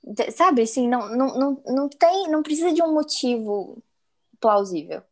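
A woman's voice: high voice, lively intonation, normal speed. A woman, co-hosting a casual podcast and telling everyday stories with dramatic, exasperated asides. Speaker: podcast co-host. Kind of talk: casual chat.

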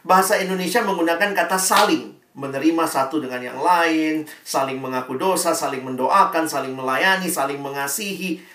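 A man preaching a sermon as a pastor, lively, moving between loud and soft and acting out quoted voices. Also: on the high side, moderate pace, a little hiss or hum. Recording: roomy sound from a distance.

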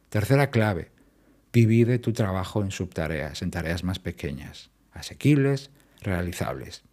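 A man's voice: sits low, a little mellow. A man, hosting a solo podcast and explaining his points emphatically, repeating key words. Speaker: podcast host. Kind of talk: solo productivity podcast talk.

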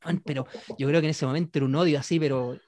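A man's voice: on the high side, fairly even intonation, racing, a little mellow, no echo, studio quality. A married man with a Chilean accent, telling a comic story casually and slangily to friends, acting out quotes and laughing often. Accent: Chilean Spanish. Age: adult, married. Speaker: storyteller in a group chat.

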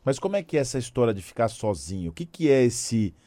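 A man's voice: medium pitch, big pitch swings, quick pace, dark tone, no echo. A male host interviewing an author, asking several probing questions in a row. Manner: probing, asks stacked questions.

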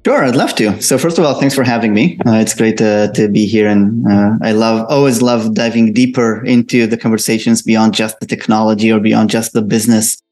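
A middle-aged company co-founder and CEO with an Israeli accent answers questions as an interview guest, explaining things while often restarting with fillers. His voice is lowish and a little mellow, with fairly even intonation, and he talks briskly with hardly any pauses over soft background music.

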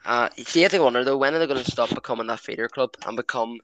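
A man's voice: mid-range voice, rapid-fire, a bit bright, no echo, low-quality recording. A man hosting a football podcast in a casual, chatty way. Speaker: podcast host. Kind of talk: casual chat, moderating a football discussion.

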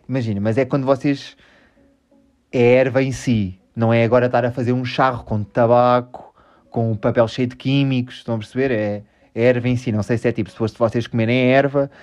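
Here the same kind of host talks in a mid-range, somewhat mellow voice. A European Portuguese man running an easygoing podcast, he drifts off on tangents, makes jokes at his own expense, and swears freely.

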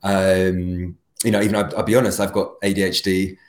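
A man speaking as a podcast guest in casual conversation, talking in an animated way with frequent restarts. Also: low voice, fairly quick. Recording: roomy echo.

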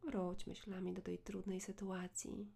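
Slow, breathy woman guiding meditation, hushed and close. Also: medium pitch, little pitch movement. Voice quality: soft, breathy. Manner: slow, soothing, measured with long pauses. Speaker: guided meditation leader. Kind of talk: guided meditation narration.

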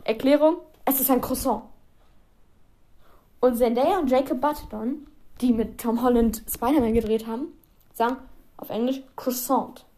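A teenage girl talks on her own podcast in a loose, chatty way. Her voice sits a little high, and she drifts between topics with self-mocking asides and small giggles. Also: fairly even intonation, normal speed, long pauses, dark tone. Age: teens. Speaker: podcast host. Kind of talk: casual solo podcast chat.

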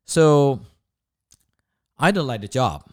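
Slow yet animated, a medium-pitched man's voice comes from a Thai chef around fifty years old, a podcast guest chatting informally about himself. He speaks with a Thai accent and non-native English grammar.

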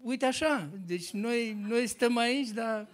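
A pastor preaching an informal sermon, telling chatty personal stories and addressing the congregation as his dear ones. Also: very high-pitched. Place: church hall with congregation.

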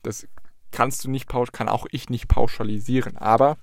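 A man's voice: medium pitch, steady tone, normal speed, creaky, no room sound, studio quality. A man giving a motivational monologue, speaking earnestly and straight to the listener with repeated questions and the odd curse word. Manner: emphatic, occasional swearing.

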